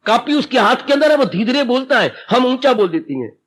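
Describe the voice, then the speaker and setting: A man giving a spiritual sermon, telling stories with animated delivery and acting out quoted lines, mixing English words into his preaching. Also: very high voice, a little fast. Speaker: spiritual teacher giving a discourse.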